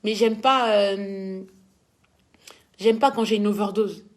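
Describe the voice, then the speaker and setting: Here the young Belgian dancer talks slowly, her voice medium in pitch and marked by a Belgian French accent. She casually reads viewers' questions and gives her answers.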